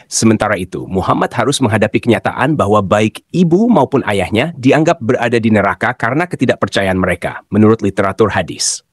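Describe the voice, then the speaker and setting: Man, scripted narration, low voice, husky, measured, dry close recording. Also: lively intonation, no echo. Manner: measured, explanatory.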